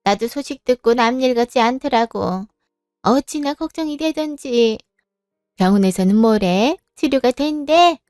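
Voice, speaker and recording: A woman's voice: fairly high pitch, lively intonation, a little slow, a little mellow, no room sound, clean studio sound, soft background music. A woman playing an older mother-in-law who speaks firmly but kindly. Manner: firm, motherly, decisive. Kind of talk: Korean drama voice acting.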